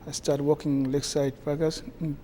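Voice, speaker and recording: A man from South Sudan with a South Sudanese accent, answering interview questions haltingly with many pauses. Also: on the high side, level tone, mellow, slight background noise. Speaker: guest, community association president.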